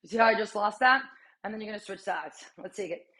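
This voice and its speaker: A woman in her thirties leads a strength workout as she does it herself. She talks in quick, chatty cues, sighs and breathes hard between reps, and her voice sits at a middling pitch. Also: bright, forceful tone. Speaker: fitness coach. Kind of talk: workout coaching while exercising.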